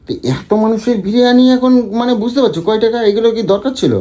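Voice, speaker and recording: A man's voice: very high voice, racing, heavy background noise. A man with a Bengali accent playing a stingy husband who pleads and makes excuses in a comedic quarrel.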